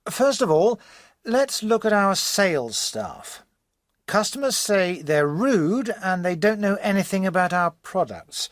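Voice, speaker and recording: A woman's voice: medium pitch, lively intonation, a little slow, no room sound, studio quality, lightly acted. A woman playing a businesslike, orderly meeting chair in a scripted language-course dialogue. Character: businesslike meeting chair running a staff discussion.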